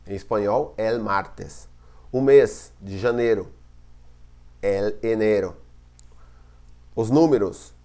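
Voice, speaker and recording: Brazilian man teaching a language lesson. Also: medium pitch. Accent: Brazilian Portuguese. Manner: explains step by step, often checking with "correto?". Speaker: Spanish teacher. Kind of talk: recorded classroom lesson.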